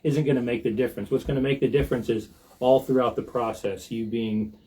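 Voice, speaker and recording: A man's voice: medium pitch, steady tone, fast, warm tone, low-quality recording. A man with an American accent co-hosting a show as a lender, giving conversational, folksy advice to viewers. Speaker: show co-host and mortgage lender.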